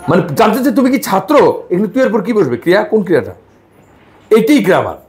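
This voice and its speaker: A high-voiced man with a Bangladeshi Bengali accent teaches a live language class. He coaxes his students along, repeats himself and spells words out slowly letter by letter. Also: wildly swooping pitch, darkish tone.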